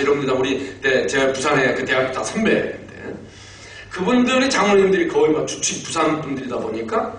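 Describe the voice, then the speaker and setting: A man in his fifties preaching a Korean sermon as pastor, animated and humorous, having the congregation repeat lines after him. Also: on the high side. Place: church sanctuary. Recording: echoey church hall miked from a distance.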